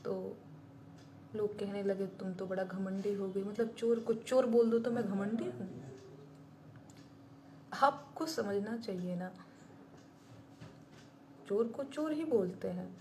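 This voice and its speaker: A woman's voice: medium pitch, slow, long pauses, dark tone, a little hiss or hum. A woman who is a singer and songwriter, chatting live with her viewers and answering their comments in an emphatic, indignant way, repeating her points for stress.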